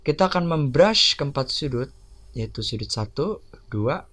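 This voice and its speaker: A man narrating a step-by-step software tutorial over a screen recording, giving plain instructions one by one. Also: medium pitch, animated, unhurried.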